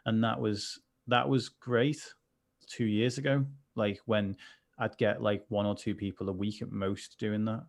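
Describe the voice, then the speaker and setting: A man's voice: on the low side, little pitch movement, a little slow, creaky. A man, a mental health coach, chatting earnestly on a livestream, rambling with many restarts. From United Kingdom. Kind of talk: casual conversation on a livestream.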